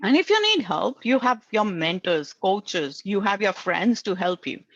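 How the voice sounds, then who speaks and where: A career coach with an Indian accent gives an advice talk on networking, earnest in tone and regularly adding "right?" to her lines; English is not her first language. Her medium-pitched, fairly bright voice swings widely in pitch at a measured pace. The sound is lo-fi and lacks any room ambience.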